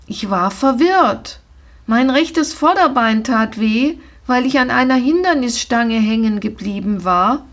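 A woman narrating a children's story in the first person in a calm, measured way. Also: on the high side. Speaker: audiobook reader.

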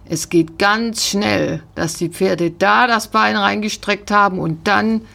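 A woman voicing a friendly, firm male riding instructor in a storybook, calmly giving commands. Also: medium pitch, slow pace, gravelly, exaggerated voice. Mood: instructing.

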